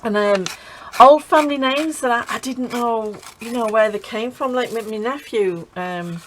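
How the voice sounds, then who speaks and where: A woman's voice: fairly high pitch, normal speed, a little hiss or hum, poor audio. A middle-aged woman chatting casually while crafting, laughing often and restarting her sentences. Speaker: craft channel host.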